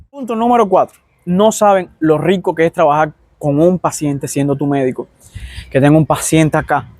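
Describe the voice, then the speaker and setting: A man's voice: fairly high pitch, background noise. A man with a Cuban accent, a doctor from Cuba, telling stories in a casual vlog and acting out his patients' complaints.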